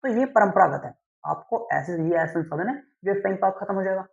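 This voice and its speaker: A young man, teaching a class lesson slowly and deliberately, often checking in with his students. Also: high-pitched, vocal fry. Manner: slow, deliberate explaining with frequent "theek hai" check-ins. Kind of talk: classroom lecture. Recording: dull lo-fi sound.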